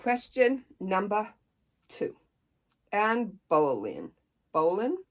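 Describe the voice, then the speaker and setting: A middle-aged woman with a medium-pitched voice talks casually to camera about books on her own review channel. Her manner is unhurried and folksy, playful and expressive.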